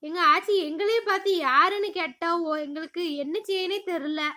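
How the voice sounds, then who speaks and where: A woman's voice: extremely high pitch, moderate pace, bright, forceful tone. A woman voicing a fretful little sister in a cartoon comedy, asking worried, pleading questions.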